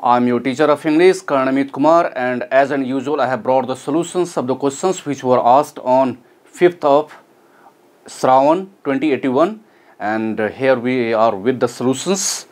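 A man, an English teacher going through exam answers and repeating key words slowly for students. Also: medium pitch, a little mellow. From Nepal. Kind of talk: exam solution lesson.

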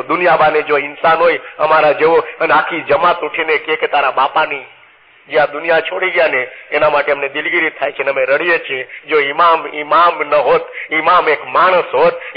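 A man preaching with fervor, his fairly high voice climbing as he stacks up points and retells scenes. The recording is dull and lo-fi, with a faint hiss under it. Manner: emphatic preaching that climbs in pitch on lists; retells scenes and acts out quoted speech. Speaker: missionary preacher. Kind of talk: religious sermon storytelling.

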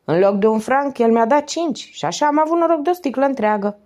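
A woman reading aloud and voicing a loud, cheeky male vagrant who talks with easy familiarity. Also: high-pitched, expressive, voice pushed up.

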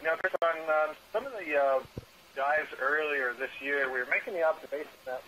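A man giving live scientific commentary as a remote coral expert in a halting, thoughtful way, heard over a remote call line that cuts in and out. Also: fairly high pitch, pushed and bright, poor audio. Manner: thoughtful, hesitant, halting speech with fillers. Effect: remote call line cutting in and out.

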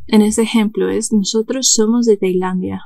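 A woman's voice: medium pitch, fairly even intonation, normal speed, creaky, mellow, dry recording. A woman giving a recorded English lesson, speaking patiently, repeating each example and correcting herself as she goes. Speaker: English instructor. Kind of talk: recorded online language lesson.

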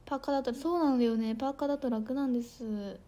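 A woman's voice: high voice, racing, mellow. A young woman idol livestreaming in casual chat, bubbly and chatty, thanking viewers for gifts and sometimes tripping over her words.

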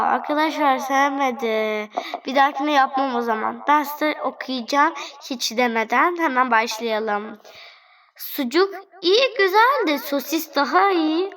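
A woman's voice: high voice, a bit bright, poor audio. A woman chatting straight to her viewers while playing a game, playful and fretting. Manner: playful, fretting over angry customers. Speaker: gaming channel host. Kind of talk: let's-play gameplay commentary.

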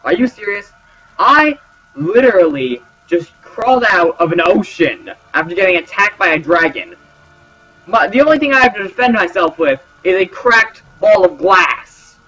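A man's voice: high voice, sing-song, normal speed, sharp tone, husky. A man commentating his gameplay, sarcastic and joking as he talks to the characters. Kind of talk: let's play commentary. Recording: slightly dull with game music.

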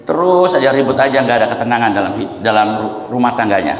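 A man in a mid-range voice delivers a lively religious talk with a casual lilt. He explains things in a homely way, dotted with "nah". The sound carries the long, roomy reverb of a mosque hall. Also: medium pitch, quick pace. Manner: lively, folksy explanations with frequent "nah" and demonstrations of recitation. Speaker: preacher.

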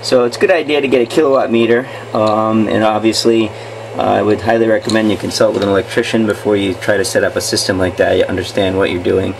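A man talks through his home project in a plain, patient way, pausing often with ums and uhs. His voice sits on the low side, picked up by the camera's own mic, with a faint hum behind it. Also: fairly even intonation, creaky. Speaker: channel host. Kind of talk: casual home-project video walkthrough. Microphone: camera mic, off-screen filming.

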